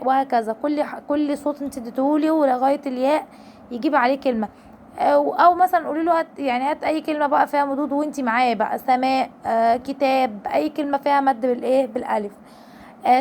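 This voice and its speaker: Her voice high yet darkish in tone, a woman with an Egyptian Arabic accent walks parents through reading with patience, stretching syllables as examples. A faint hiss or hum can be heard.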